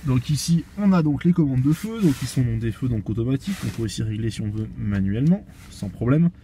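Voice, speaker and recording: A young man with a mellow, dark voice talks through a car's cabin, heavy with fillers and restarts. He is recorded on a phone inside the car. Faint noise sits under his voice. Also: medium pitch, expressive, fairly quick. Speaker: car reviewer. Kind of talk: casual car walkthrough. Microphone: phone camera.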